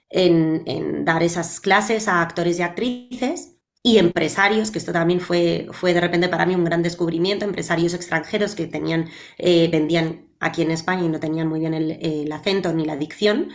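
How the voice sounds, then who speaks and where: A woman from Spain in her thirties, a guest actress and speech therapist, telling her story with lively pace. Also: fairly low pitch. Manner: lively and quick storytelling, with some restarts. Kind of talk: personal storytelling in an interview.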